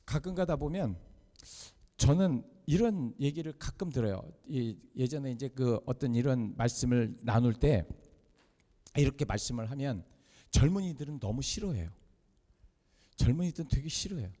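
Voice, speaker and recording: A man's voice: medium pitch, expressive, moderate pace, mellow, long reverb tail. A man preaching as pastor in a church sanctuary, emphatic, repeating key phrases and asking rhetorical questions. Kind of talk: sermon.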